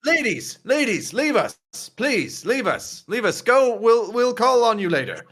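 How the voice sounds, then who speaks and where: A man's voice: very high voice, sing-song, a little slow, fairly bright tone, pitched above the performer's own voice, full character voice. A man voicing a jovial older grandfather in a tabletop game, hazy and effusively welcoming. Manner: effusive, doting.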